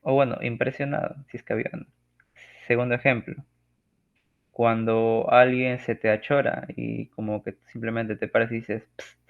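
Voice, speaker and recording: Gravelly man presenting class slides. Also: mid-range voice, little pitch movement, moderate pace. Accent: Peruvian Spanish. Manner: casual, joking, acts out sound examples. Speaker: student presenter. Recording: phone-like lo-fi audio.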